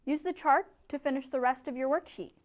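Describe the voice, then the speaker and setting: A young woman with a high voice leads a small-group English lesson in a classroom, giving clear, encouraging instructions. She is picked up by a camera set some way off. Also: fairly quick. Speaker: ESL tutor.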